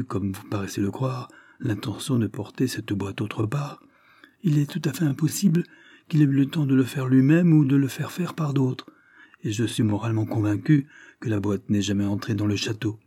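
A man's voice: mid-range voice, normal speed, mellow, breathy edge, dry recording, studio quality, natural voice. A man voicing a worried, deferential butler who apologizes and protests earnestly. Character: anxious middle-aged male butler, deferential.

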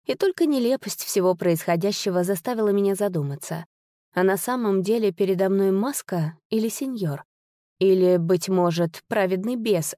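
A woman narrating a story with lively, theatrical delivery as an audiobook reader. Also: medium pitch, no echo, clean studio sound. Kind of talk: expressive audiobook reading.

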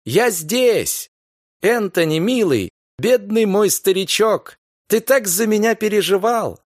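Frightened young wife, read by a man in a raised, pleading pitch. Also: very animated, a little slow, no room sound, clean studio sound. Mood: giddy. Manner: pleading, breathless, fretful.

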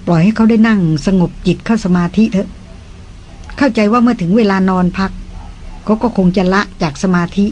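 A reader voicing a gentle, soft-spoken man in an audiobook, whose voice is soft and tender. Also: high-pitched, a little fast, poor audio. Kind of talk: audiobook dialogue.

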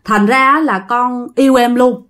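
A woman's voice: a little high, fairly even intonation, unhurried, fairly bright tone. A woman with a Southern Vietnamese accent voicing a lovesick young male ghost who pleads and insists. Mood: pleading.

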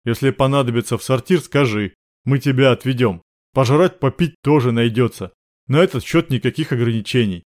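A man voicing an older male guard boss, calm, flat and matter-of-fact. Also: medium pitch, a little fast, close to an everyday voice.

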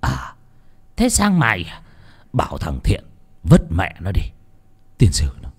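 A man's voice: deep voice, wildly swooping pitch, slow pace, husky, voice pushed down, exaggerated voice. A man voicing a terrified old village landlord who stammers and begs. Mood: shaken. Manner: stammering, begging, breathless.

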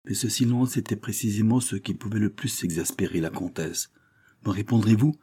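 A man narrating a novel as an audiobook, in a measured, dramatic reading. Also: on the low side, dark tone, breathy edge.

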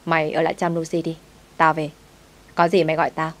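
A woman reading a curt, gruff young master. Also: deep voice, little pitch movement, fast. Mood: brusque. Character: brusque young master of a rich house, man.

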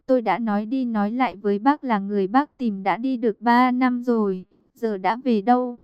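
Woman reading as a stern weary guard, irritated, clear voice, dry audiobook. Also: on the high side, brisk, no room sound, dull audio, natural voice.

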